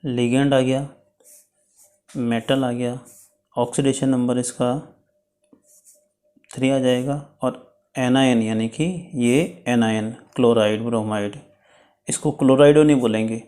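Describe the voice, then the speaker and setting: A man's voice: mid-range voice, fairly even intonation, mellow. A man teaching chemistry in a step-by-step lecture, checking in often with his students. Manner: explains slowly, checks with "ठीक है".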